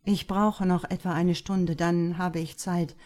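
A woman reading an audiobook, voicing a reserved, cool male author in a lower, measured voice. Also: little pitch movement, a little mellow, close to an everyday voice.

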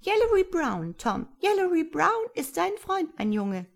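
High, chirping and brisk, this is a tiny ancient bearded sprite that a woman acts out in a storybook. The voice swoops widely and answers quick as a flash, with a bossy edge. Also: sing-song, gravelly, full character voice. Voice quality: soft high piping voice. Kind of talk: storybook reading.

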